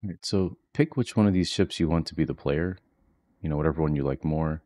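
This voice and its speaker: A coding instructor whose voice is very deep talks over a screen-recorded software lesson in a quiet monotone, since children are asleep nearby at home. He speaks fairly quickly, though his walkthrough stays laid-back and full of fillers.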